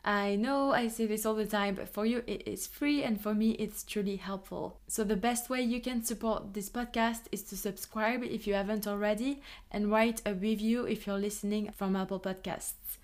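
A woman's voice: medium pitch, steady tone, normal speed, few pauses. Upbeat woman podcast host. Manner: upbeat and enthusiastic. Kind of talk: podcast introduction and interview.

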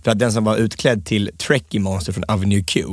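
A man with a fairly low voice chats on a podcast, recorded close and dry. He tells stories with a lot of energy and jumps into quoting people. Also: no room sound. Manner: animated storyteller, acts out quotes. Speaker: podcast host. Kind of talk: casual chat.

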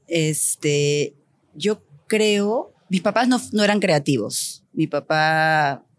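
Here a woman from Peru, an architect and designer, speaks in a low voice with no echo. She's a storytelling interview guest, animated in this conversational telling and acting out pieces of dialogue from memory.

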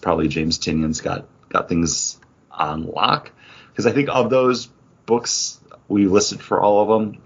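Over dull, lo-fi podcast audio, a host with a fairly low, husky voice chats informally and off the cuff. Part of the talk is him reading out award nominees.

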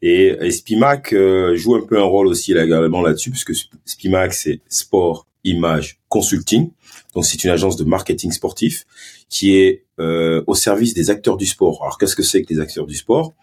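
A man with a Marseille accent talks in a casual podcast interview. His voice sits deep and low, with a husky grain. He tells stories in a lively, animated way, stumbling over restarts as he goes. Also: normal speed. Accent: Marseille French. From Ivory Coast and Marseille. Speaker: guest, former pro footballer turned sports marketing agency head.

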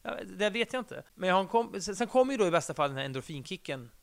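A man's voice: high-pitched, sing-song, vocal fry, clear, resonant tone. A middle-aged man chatting casually on a podcast, rambling and self-deprecating, with casual swearing. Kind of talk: casual conversation.

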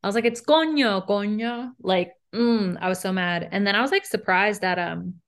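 A young woman co-hosting a podcast in casual chat, animated, with lots of "like" and "um". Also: medium pitch, a little fast, vocal fry. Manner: animated, frequent "like" and "um", laughs between lines. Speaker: podcast co-host.

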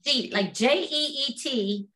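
A woman's voice: high voice, takes it slowly, pushed and bright. A middle-aged woman from Pittsburgh with a Pittsburgh accent, chatting casually as a podcast co-host. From Pittsburgh, USA. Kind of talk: casual chat.

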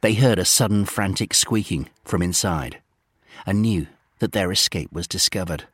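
A man narrates a storybook adventure in a low, husky voice. His reading is steady and gently dramatic. The recording is close and dry. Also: moderate pace, no echo.

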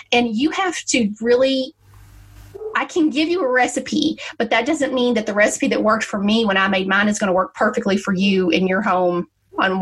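Chatty woman guest, slightly husky, fairly high voice, animated storyteller. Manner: chatty storyteller, acts out quotes in a higher voice. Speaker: baking guest giving tips. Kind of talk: casual conversational advice.

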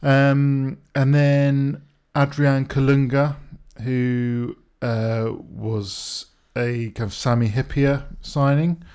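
A man co-hosting a casual podcast chat, pausing often with ums and laughing as he talks. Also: mid-range voice, little pitch movement, a little mellow, clear, resonant tone. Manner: hesitant, lots of ums and laughs. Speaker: podcast co-host.

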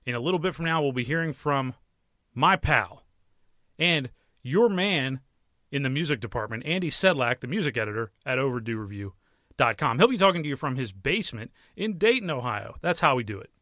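A man's voice: mid-range voice, lively intonation, brisk, sharp tone, no room sound. An American man in his thirties hosting a casual solo podcast in a wry, conversational way, recorded close in a small closet. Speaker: podcast host and movie and TV critic.

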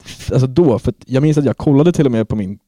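A man's voice: medium pitch, lively intonation, warm tone, dry recording, studio quality. A man on a football podcast, telling a long story in casual chat and swearing freely. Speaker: podcast co-host.

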